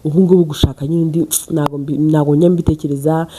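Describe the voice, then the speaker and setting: A man's voice: on the high side, flat delivery, quick pace, mellow, natural voice. A woman voicing a wealthy older man who coaxes and reassures his young wife, in a told story. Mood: dismissive. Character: wealthy older man, smooth persuasive husband.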